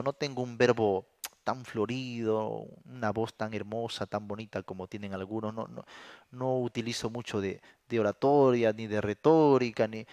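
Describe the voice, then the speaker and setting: A male pastor teaching from the Bible in a plain, unadorned way, pausing to ask his listeners rhetorical questions. His voice sits at a middle pitch, and the recording is dry and close with little room sound. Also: no echo. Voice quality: says he suffers from a throat condition. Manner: plain explanatory, asks rhetorical questions, frequent "¿no?".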